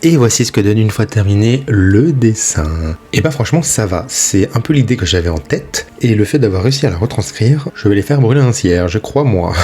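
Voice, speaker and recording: A man's voice: on the low side, lively intonation, normal speed, dark tone, soft background music. A man hosting a drawing vlog in a casual voice-over, chatting and joking at his own expense while speaking straight to the viewer. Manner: chatty, self-mocking, speaks to the viewer directly. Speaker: drawing channel host.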